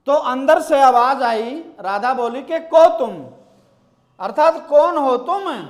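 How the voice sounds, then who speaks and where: A man teaches grammar. His voice sits very high for a man, and he speaks at an unhurried pace. He recites short verses with emphasis before explaining each line patiently. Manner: recites verse examples slowly, then explains them line by line. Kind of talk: explanatory lesson.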